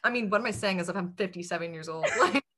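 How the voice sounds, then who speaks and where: A twenty-five-year-old woman, a podcast guest in casual chat, animated and self-mocking with quick asides. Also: lowish voice.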